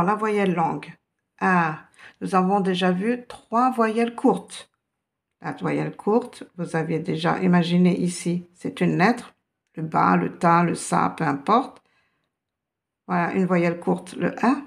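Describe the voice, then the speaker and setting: A woman's voice: on the low side, gravelly. A woman teaching a beginner language lesson, explaining patiently step by step. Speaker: Arabic teacher.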